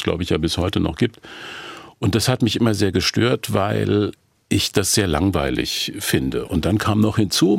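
A low, gravelly man with a husky edge and a lilt talks as a radio guest. He tells anecdotes in an animated way and acts out the people he quotes. The studio sound is dry and close. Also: no echo. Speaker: voice-over artist, guest.

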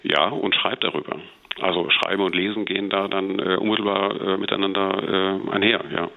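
Casting: hesitant academic guest, gravelly low voice, phone-line sound. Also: male voice, level tone, a little fast. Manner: hesitant, many fillers. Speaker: literature scholar guest. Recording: telephone line.

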